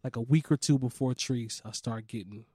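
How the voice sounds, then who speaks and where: A man hosting a podcast in casual chat, a little hoarse from allergies, laid-back and laughing often. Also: mid-range voice, normal speed, mellow, no echo, clean studio sound. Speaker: podcast host.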